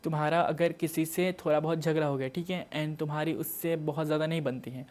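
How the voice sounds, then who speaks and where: Young guy w doing an exam prep lesson, pretty monotone, chatty explaining. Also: a little high, a little fast. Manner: casual, explanatory, mixes English terms. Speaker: teacher.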